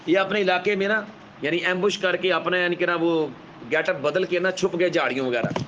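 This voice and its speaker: A male scholar tells history as a lesson in with a tinge. His voice sits a little high for a man, and his delivery is measured. He keeps checking in with his listeners and acts out the quoted speech vividly, over a faint background hum. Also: dull audio. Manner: measured, keeps adding a checking "alright?" tag. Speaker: Islamic scholar lecturer. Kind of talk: storytelling religious lecture.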